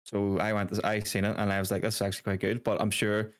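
Man as laid-back co-host. Low voice, tired, easygoing. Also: level tone, quick pace. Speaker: podcast co-host. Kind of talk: casual banter podcast.

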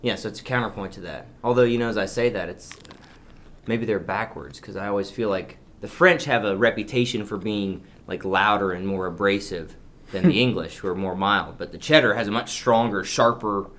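A man's voice: lowish voice, fairly quick, a bit bright. Chatty laughing man co-hosting a podcast. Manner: chatty, laughs easily, muses aloud while eating. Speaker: podcast co-host. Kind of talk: casual chat.

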